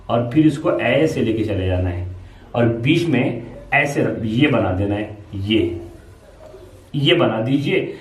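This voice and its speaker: Patient man teaching from a distance. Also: mid-range voice. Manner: patient, explains step by step with repetition. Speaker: Arabic teacher. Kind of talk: beginner alphabet lesson at a board. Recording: roomy echo, speaker away from mic.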